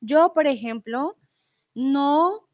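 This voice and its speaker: A woman's voice: sits high, extremely slow, a little mellow, lo-fi sound. A young woman teaching Spanish in a live online lesson, reading out viewer comments and explaining things in a friendly, patient way, sometimes in English.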